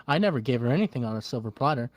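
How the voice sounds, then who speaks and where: A man's voice: medium pitch, lively intonation, rapid-fire, no room sound. Blunt, emphatic man in his thirties. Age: 30s. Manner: emphatic, blunt, swears freely. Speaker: musician guest. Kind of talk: casual chat. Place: virtual world voice chat.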